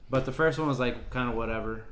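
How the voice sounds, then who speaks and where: A man's voice: medium pitch, quick pace, slight background noise. A young man co-hosting a casual chat, joking and swearing loosely through friendly banter. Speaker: podcast co-host. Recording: echoey room with faint ambience.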